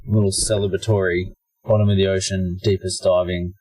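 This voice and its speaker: A man from Australia chatting with dry, joking quips from inside a small deep-sea submersible. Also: little pitch movement, fairly quick, a little mellow, no room sound, low-quality recording. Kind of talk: casual chat.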